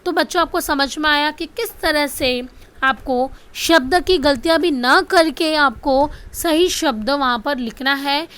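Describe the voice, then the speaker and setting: Woman teacher, high clear voice, slow and patient, repeats words for pupils. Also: a bit bright. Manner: repeats each word, asks if students can see. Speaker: Hindi grammar teacher. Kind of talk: slow classroom spelling lesson.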